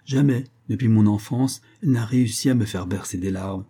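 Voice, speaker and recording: A meek young son, submissive and eager to please, voiced by a male reader. The tone is dark and slightly husky, with pitch sitting low. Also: fairly quick.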